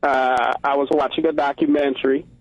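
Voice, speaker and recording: A man's voice: mid-range voice, little pitch movement, moderate pace, no room sound, poor audio. A man from the Congo calling in to a radio show, talking earnestly in rhetorical questions. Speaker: caller. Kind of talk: call-in radio commentary. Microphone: phone call.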